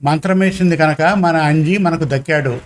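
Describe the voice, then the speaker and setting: A man's voice: fairly high pitch, normal speed, lightly acted. A man voicing a grieving village mother. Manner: scolding, pleading village talk. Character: poor village woman, a grieving, anxious mother.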